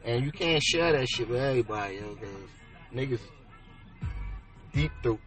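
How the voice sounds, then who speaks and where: A man talking as a guest in a casual late-night chat, slow, blunt and profane. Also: medium pitch, far from the mic. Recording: off-mic with clear music behind.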